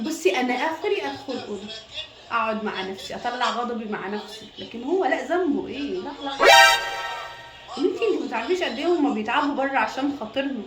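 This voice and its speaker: A woman with an Egyptian accent giving insistent, preachy advice in a comic phone-call sketch. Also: high-pitched. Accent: Egyptian Arabic. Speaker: wife in a comedy sketch. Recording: roomy echo with loud music behind.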